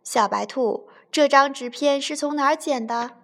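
A woman's voice: high voice, moderate pace. Woman playing an old grey rabbit chief. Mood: reassuring. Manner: steady, reassuring.

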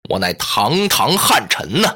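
A storyteller voicing an arrogant, scornful scholar in a slow, lofty, drawn-out manner. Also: male voice, medium pitch, sing-song, pushed and bright, husky, pitched below the performer's own voice, heavily acted.

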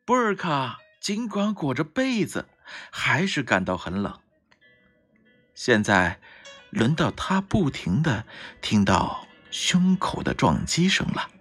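Breathy storyteller reading a children's story. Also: soft background music. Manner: slow, gentle, lively pitch with voiced characters.

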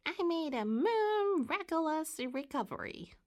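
Woman doing a squeaky high cow entertainer for a kids story, super showy and boastful. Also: sing-song, a little slow, a little mellow. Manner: theatrical, hammy announcing.

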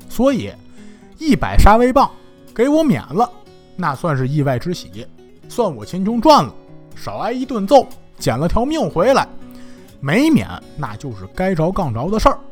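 A man's voice: sits high, heavily acted. A man voicing a hearty, generous middle-aged hero, talking in a reassuring, easygoing way. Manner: warm, reassuring, brushes off trouble.

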